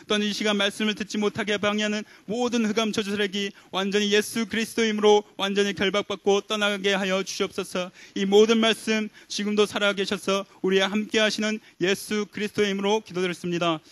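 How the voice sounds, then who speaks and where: A young man leads an earnest prayer in a flat, steady line, with hardly any rise and fall. His voice sits high, and the close handheld mic sounds dry, with no room around it. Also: quick pace, few pauses, no echo. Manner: earnest, repetitive pleading phrases. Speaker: youth worship prayer leader. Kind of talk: fervent spoken prayer. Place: church hall stage, indoors. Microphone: handheld mic held close.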